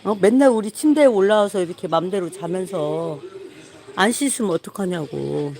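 A woman's voice: lowish voice, animated, normal speed, gravelly, a little mellow, low-quality recording. A woman streaming live and coaxing her pet dog to come and get washed. She repeats herself over and over in a sing-song tone and breaks into chuckles. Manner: coaxing, repetitive, laughing often. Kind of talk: casual live stream talk.

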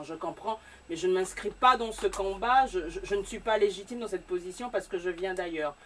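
Woman host asking an author stuff, lively, laughs a lot, far off mic w a bit of noise. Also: lowish voice. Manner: lively questioning, laughs easily. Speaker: columnist host. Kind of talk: talk-show interview. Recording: distant mic with faint room noise.

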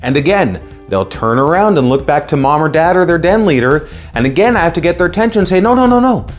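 A man's voice: on the high side, big pitch swings, fast talker, soft background music. A man in his thirties with an American accent, explaining to camera in an emphatic, instructive way as a scoutmaster and video host. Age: 30s. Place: small room at home, indoors.

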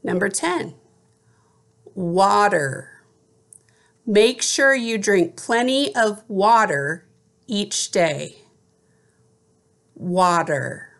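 A middle-aged woman teacher giving a slow school spelling dictation, enunciating deliberately word by word. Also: mid-range voice, animated, vocal fry, a bit bright. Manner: deliberate enunciation, word repeated after an example sentence. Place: small room at home, indoors.

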